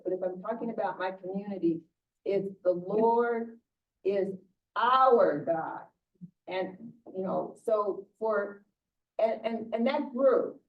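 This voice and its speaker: An older woman preaches in a loose, conversational way, doubling back on her words as she goes. Her voice sits mid-range and is picked up from a distance. The recording has a dull, muffled tone. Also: medium pitch. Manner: conversational, many restarts and repeated words. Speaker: pastor. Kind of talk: informal sermon talk.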